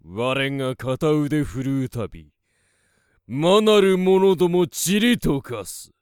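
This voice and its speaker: A man's voice: lively intonation, takes it slowly, clean tone, no room sound, clean studio sound. A man voicing a defiant male wizard who revels in a hopeless battle, speaking in a grandiose, archaic way. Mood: exultant. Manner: grandiose archaic speech, booming declarations. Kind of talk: dramatic storytelling.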